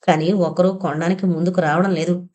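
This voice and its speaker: A woman's voice: fairly low pitch, little pitch movement, brisk, darkish tone, lightly acted. A woman voicing an ailing elderly father, speaking in a sorrowful, pleading way in an audio novel.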